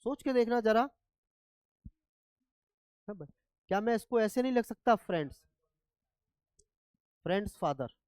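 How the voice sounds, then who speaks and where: A man's voice: sits high, animated, measured pace, pauses often, a little mellow, clear, resonant tone, dry recording. A man teaching English grammar in a classroom lecture, often checking whether students follow. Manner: asks students repeatedly if they follow.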